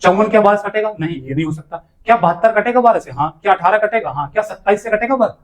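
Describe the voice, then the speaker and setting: High-ish guy teaching maths, walks students thru each step, keeps asking them questions. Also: expressive, rapid-fire. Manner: calls students "beta". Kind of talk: exam-prep maths lesson.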